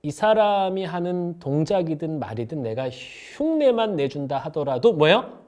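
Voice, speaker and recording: Lively man giving an online sales lecture. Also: a little high, moderate pace. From South Korea. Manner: animated, acts out little dialogues to teach. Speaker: sales instructor.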